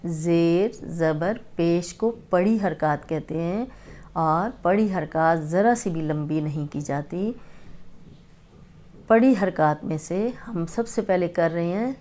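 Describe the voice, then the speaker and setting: A woman's voice: fairly low pitch, mellow. A woman teaching a Quran recitation lesson, patiently spelling out each letter and repeating syllables. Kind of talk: slow tajweed lesson with drilled letter sounds.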